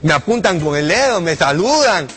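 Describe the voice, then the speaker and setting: A man's voice: high voice, sing-song, normal speed, fairly bright tone, slight background noise. Rambling, cursing man, a comedian in character. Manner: rambling, swears often, laughs at his own jokes. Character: old male delivery-room assistant, crude, rambling, complaining. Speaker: comedian doing a character monologue. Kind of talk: comic character monologue to camera.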